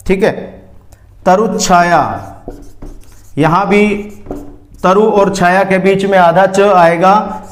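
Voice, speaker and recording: A man teaching a spelling lesson, slowly repeating each word to show how it is said. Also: high voice, roomy sound. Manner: slow, careful, repeats words to show pronunciation. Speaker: Hindi grammar teacher.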